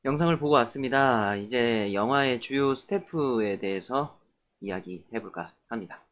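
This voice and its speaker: A man's voice: mid-range voice, normal speed, a bit bright. A man teaching an online lesson about film crews, in a friendly, chatty way with fillers. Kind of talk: online film class lecture.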